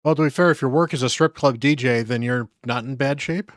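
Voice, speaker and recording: A man's voice: medium pitch, brisk, no room sound, studio quality. A tired man streaming a game, muttering casual asides and chatting with his viewers. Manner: rambling, muttering asides to chat. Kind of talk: casual live-stream chat while gaming.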